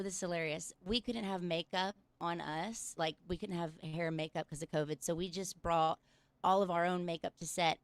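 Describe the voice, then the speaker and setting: A woman, telling self-deprecating comic stories as a guest comedian over a video call. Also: on the low side. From Mississippi, US. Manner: chatty, self-deprecating, quick asides. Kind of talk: stand-up style comic storytelling.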